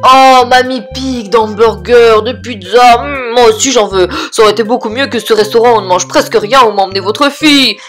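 A woman voicing a greedy, grumbling cartoon father pig with plaintive, drawn-out exclamations. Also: fairly high pitch, faint music behind, lightly acted. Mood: longing. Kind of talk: cartoon toy-play story.

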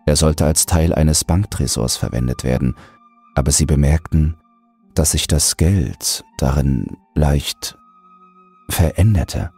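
Reading a horror story as a dramatic narrator, a man uses an extremely deep, slightly rough voice and a slow, measured, suspenseful delivery. Soft music plays quietly in the background.

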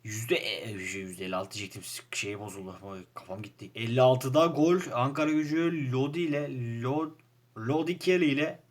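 A young man with a Turkish accent giving casual commentary over a football manager game, frustrated and grumbling, jumping from loud outbursts to low muttering. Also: moderate pace. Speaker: gaming YouTuber playing a football manager game.

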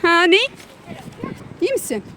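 In a casual family vlog, a mother films her kids outdoors in a park or picnic area, calling after them, scolding, and laughing. Her voice is extremely high and sing-song at a normal speed. The noisy outdoor audio comes from a phone.

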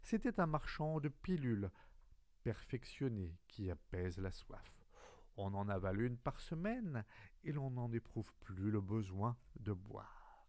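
A man narrating a literary audiobook in a slow, deliberate way. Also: lowish voice, sing-song, darkish tone, dry recording, clean studio sound.

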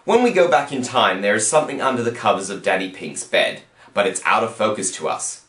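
A man hosting a comedic review, talking sarcastically and with exasperation, sometimes breaking into shouts. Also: lowish voice, lively intonation, brisk. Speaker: host and reviewer. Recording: roomy echo.

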